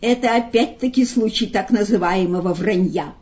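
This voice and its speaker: A woman's voice: mid-range voice, normal speed, a little mellow, highs cut off, natural voice. A woman voicing a bleating, taunting male jester. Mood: mocking. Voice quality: bleating goat-like tenor. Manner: taunting, showman-like. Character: mocking lanky male jester with a goat-like tenor.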